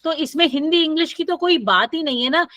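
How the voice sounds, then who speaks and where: A woman's voice: high-pitched, a little fast, fairly bright tone, no echo. A woman lecturer, teaching a grammar class and reading example sentences aloud with careful stress. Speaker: English lecturer.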